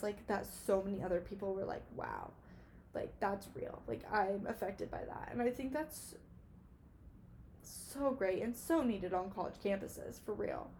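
A woman's voice: medium pitch, a little mellow, a little hiss or hum. A woman in her early twenties hosting a solo podcast, talking in a rambling, emotional way with many "like"s. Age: 20s. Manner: rambling and emotional, heavy use of "like". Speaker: podcast host. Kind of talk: casual solo podcast monologue.

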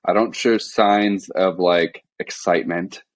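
A young man from the Midwest talks on a podcast in a very deep, low register. He keeps a flat, deadpan monotone and strings his thoughts together with steady "like" and "um" fillers. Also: slow. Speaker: podcast guest. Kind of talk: casual podcast chat.

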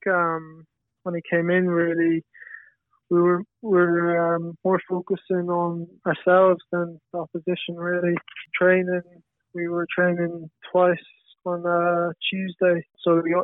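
Young guy w/ west of ireland accent, highish voice, hesitant, thin radio-like call. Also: dry recording. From Galway, west of Ireland. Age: young adult. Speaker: footballer, podcast guest. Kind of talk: casual interview answers. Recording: tinny band-limited radio-like line.

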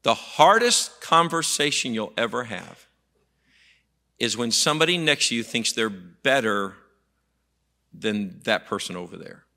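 A man preaching, his voice bright and forceful. He speaks to the congregation in a folksy, emphatic way, circling back on repeated words as he drives each point home. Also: medium pitch, sing-song, measured pace. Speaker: pastor. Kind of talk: sermon.

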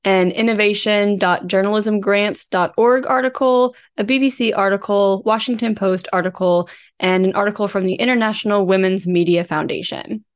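Medium in pitch, fairly even in intonation and at a normal speed, this woman's voice carries a true crime podcast she co-hosts. She tells the case from researched notes in a relaxed, conversational style, blending narration with easygoing chat.

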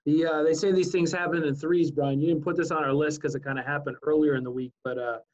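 A man in his forties co-hosting a casual talk show, telling stories in an easygoing way with halting fillers. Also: fairly high pitch, fairly even intonation. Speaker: co-host. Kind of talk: casual chat. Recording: dull lo-fi sound.

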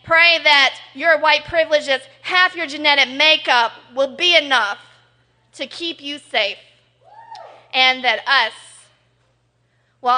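A woman on a poetry cafe stage, talking nervously between halting pauses and performing spoken-word poetry. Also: sits high, pushed and bright. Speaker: performing poet.

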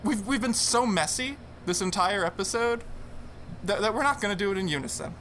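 A man's voice: sits high, lively intonation, brisk, fairly bright tone, a little hiss or hum. A man co-hosting a casual podcast, rambling and restarting his sentences as he plugs the show. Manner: rambling, repeats words and restarts often. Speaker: podcast co-host.

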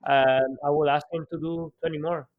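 A man's voice: on the high side, level tone, normal speed, narrow, tinny audio. A man from El Salvador, an entrepreneur guest on a podcast, speaking over a video call with many fillers and restarts. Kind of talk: podcast interview.

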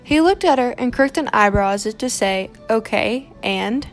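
A woman narrating a romance novel aloud in a steady, measured reading voice. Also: on the high side, soft background music. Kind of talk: scripted audiobook narration.

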